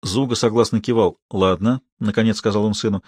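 A man reading a novel aloud as an audiobook narrator, steady and measured. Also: on the low side, husky, no room sound, clean studio sound.

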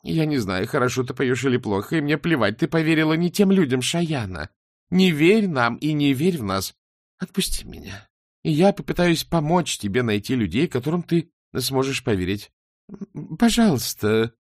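A man's voice: mid-range voice, very animated, normal speed, no room sound, studio quality, lightly acted. A man voicing a middle-aged rocker mother held captive, pleading and insistent in a storybook reading.

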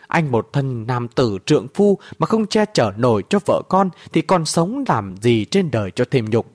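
Male narrator as devoted young husband, resolute and grave, expressive pitch. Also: moderate pace. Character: loyal young husband, proud and despairing.

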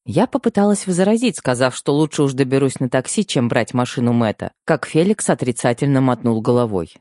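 A man narrating a first-person audiobook with expressive storytelling at a middle pitch. His intonation rises and falls in a lively way. The recording is dry and close, with no room echo. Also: brisk. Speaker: audiobook reader.

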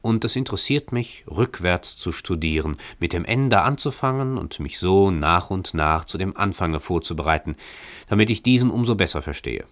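A man's voice: low voice, expressive, normal speed, dry recording. A man voicing a cheerful, playful young husband, speaking in an exuberant, mock-grand tone in a radio story reading. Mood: jovial.

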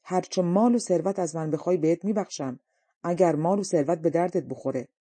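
Bossy dragon king bellowing orders, woman narrator doing him, mellow dry voice. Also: on the low side, husky, no echo. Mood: alarmed. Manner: loud, commanding. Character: menacing male dragon king, blustering.

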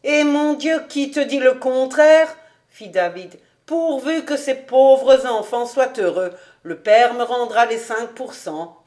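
A woman's voice: fairly high pitch, lively intonation, slow pace, a little mellow, pitched above the performer's own voice. A woman voicing a kindly old male rabbi who talks earnestly and pleads fondly, in an audiobook reading. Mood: pleading.

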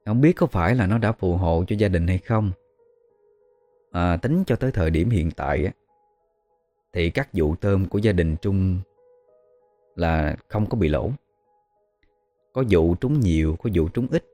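A man with a Southern Vietnamese accent hosting a ghost story, speaking in a measured, hesitant way with fillers. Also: sits low, animated, dark tone, dry recording, soft background music. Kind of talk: storytelling narration.

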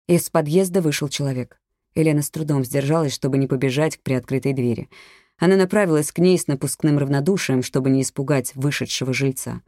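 An audiobook narrator reads a crime thriller in a measured, even way. The voice is mellow and dark, close to the mic in a dry booth with no reverb. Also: mid-range voice.

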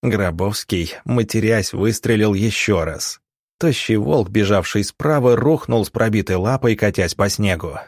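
A man narrating an audiobook in a steady, dramatic storytelling manner. His voice sits low. The recording is dry and close, with no room sound. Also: a little slow, no echo. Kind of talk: scripted narration.

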